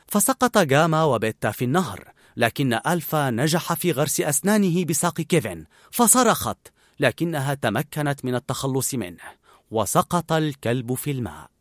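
A man narrating a storybook in an expressive, animated reading. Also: on the high side, no room sound, clean studio sound.

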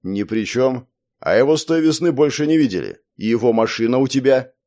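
A man's voice: mid-range voice, animated, a little fast, dark tone, lightly acted. A man doing a stern, curt interrogating guard. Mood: pressing. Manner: curt, demanding questions.

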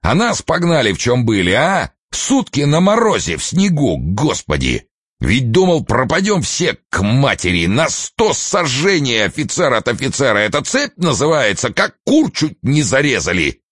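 Frozen, cursing young officer. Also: male voice, deep voice, very animated, moderate pace, hardly any pauses, breathy edge, no room sound, clean studio sound, pitched above the performer's own voice, heavily acted. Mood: raging.

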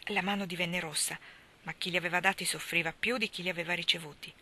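A woman reading a classic children's novel aloud as an audiobook, in a measured, expressive way. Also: on the low side, a little hiss or hum. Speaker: reader.

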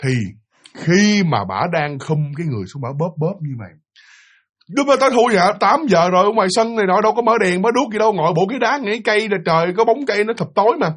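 A man's voice: high-pitched, lively intonation, quick pace, a bit bright. A man with a Southern Vietnamese accent telling a ghost story casually, talking straight to his listeners. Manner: chatty, addresses listeners directly.

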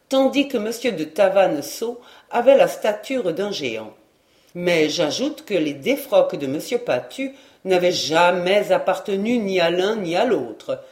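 A woman's voice: mid-range voice, darkish tone. Woman reading a novel aloud, roomy. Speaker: audiobook narrator. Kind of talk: scripted narration of a classic novel.

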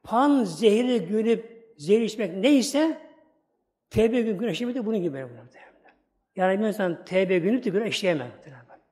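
High-voiced man preaching a sermon. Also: lively intonation, a little fast, darkish tone. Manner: rhetorical questions and storytelling to a congregation.

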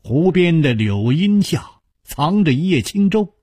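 A male storyteller with a slightly husky voice, telling the tale slowly and theatrically. His pitch rises and falls lavishly as he lingers over each phrase, now and then breaking into a sighing aside. The sound is close and dry, with no room around it. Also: no echo. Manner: slow, expressive, theatrical narration with sighing asides. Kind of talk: Chinese storytelling narration.

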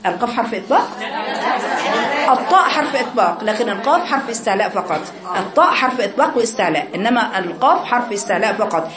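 A woman's voice: fairly high pitch, very animated, fast talker, reverberant, over a noisy crowd. A woman with an Egyptian Arabic accent teaching a recitation class, repeating syllables to show sounds and correcting her students. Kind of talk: classroom lesson on tajweed.

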